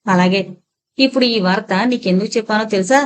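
A woman voicing a kindly old grandfather who speaks softly and soothingly to a small girl. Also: medium pitch, a little fast, slight background noise, close to an everyday voice. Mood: gentle. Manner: soft, soothing, hushed.

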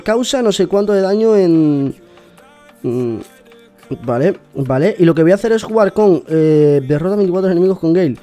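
A young man, chatting excitedly to viewers while opening game rewards. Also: high-pitched. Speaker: gaming YouTuber. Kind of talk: casual gameplay commentary.

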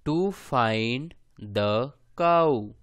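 A man reading aloud for beginning readers, deliberately and word by word, with long pauses between phrases. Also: mid-range voice, expressive, no room sound, studio quality.

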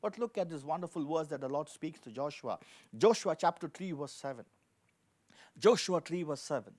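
With a slightly high, a little mellow voice and lively intonation, a forties-aged pastor preaches at a moderate pace. He reads scripture and emphatically repeats key phrases into a handheld microphone from a lectern in an indoor studio with a dark backdrop.

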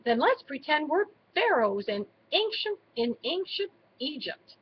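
A woman's voice: high-pitched, very animated, a little slow, lo-fi sound, slight background noise, pitched above the performer's own voice. A woman voicing an eager, adventurous young female mouse in a storybook reading. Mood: curious. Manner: eager, persuasive.

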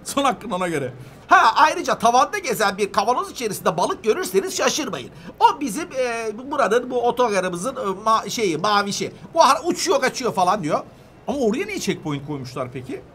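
A man hosting a children's gaming video, giving excited let's-play commentary with his son, shouting reactions and throwing in English exclamations. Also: very high voice, fairly quick, a little hiss or hum. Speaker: gaming channel host playing with his son.

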